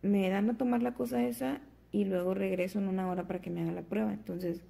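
A young woman fresh out of bed chats to the camera at home in a rambling, filler-heavy way. Her voice is strongly gravelly and husky, with a mellow, dark tone. She speaks in a flat, even melody. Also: mid-range voice, quick pace. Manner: rambling, chatty, many fillers. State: just woke up, fasting. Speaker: vlogger. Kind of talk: casual chat to camera.

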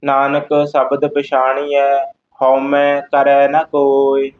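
A man reciting Sikh scripture verses slowly, as a student in a lesson. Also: mid-range voice. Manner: very slow, monotone, measured reading. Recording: tinny phone-like audio.

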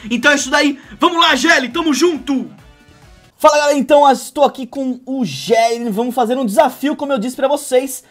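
A man in his thirties with a Brazilian accent, hosting casual, excited gameplay commentary in a slangy, jokey way with frequent exclamations. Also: very high voice, fairly quick, soft background music. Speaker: gaming video host. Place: small indoor room.

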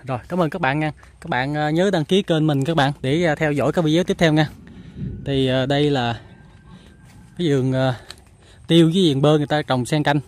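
A fast-talking man in his thirties with a Southern Vietnamese accent, his voice sitting a little high as he chats to viewers between frequent filler pauses. He films himself outdoors in a garden on a phone held at arm's length. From Mekong Delta, Vietnam. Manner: chatty, many filler pauses, addresses viewers. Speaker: vlogger. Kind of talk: casual walking tour vlog. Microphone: phone camera held at arm's length.

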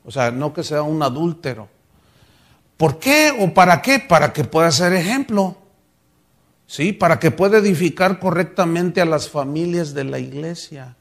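A man's voice: a little high, lively intonation, moderate pace, gravelly. A man preaching a sermon as pastor, in a conversational style that asks the congregation questions.

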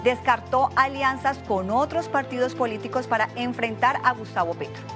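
A woman's voice: fairly high pitch, moderate pace, music in the background. Female news anchor in studio. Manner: formal, clear.

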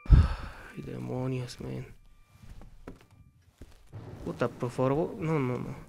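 Drawn-out words and vocal fry mark this medium-pitched, steady voice, heard over background noise. A young Mexican-accented man commenting on a horror game, he swears constantly, talks to himself, and lets out frightened yells.

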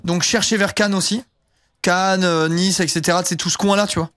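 A young man from southern France chats casually while streaming a game, rambling with plenty of fillers and offhand swearing. His voice sits high and a bit bright, with fairly even intonation at a moderate pace.

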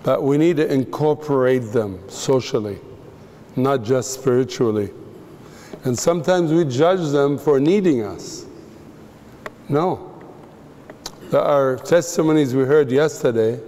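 A man from the Middle East delivers a sermon at a slow, unhurried pace, stressing his points with deliberate pauses. His mid-pitched voice carries a long reverb from a large hall. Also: dark tone. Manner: measured, emphatic teaching with pauses. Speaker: preacher.

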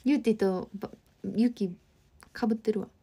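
A friendly livestream host in her twenties, from Osaka, Japan, reads viewers' comments and chats with them in the Osaka dialect. Her medium-pitched voice is mellow with a breathy edge, and she speaks with a steady tone at a measured pace.

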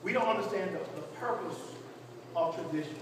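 A pastor leading a church workshop teaches in a preacher's style, repeating phrases for emphasis and prompting his group to respond. His voice is high and a little fast. A distant camera among the audience picks him up in an echoey meeting room with clear background noise.

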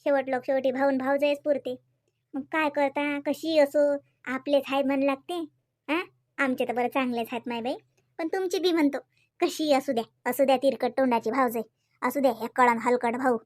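A woman with a Varhadi Marathi accent, narrating a comic cartoon and giving chatty, lecturing advice in a folksy way. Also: high-pitched. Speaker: cartoon narrator and main character. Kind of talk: scripted comic cartoon voice-over.

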